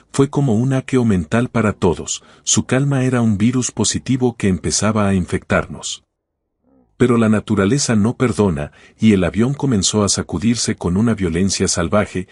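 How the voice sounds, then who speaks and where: A man's voice: sits low, a little mellow, breathy edge, dry recording, studio quality. A man with a Mexican Spanish accent narrating a dramatic story in a vivid, slangy first-person way.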